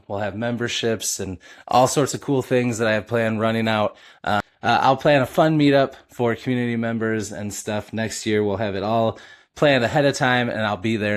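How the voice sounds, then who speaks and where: A middle-aged man hosting a sports podcast, an eager fan talking in a loose, casual way with plenty of filler uhs. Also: lowish voice.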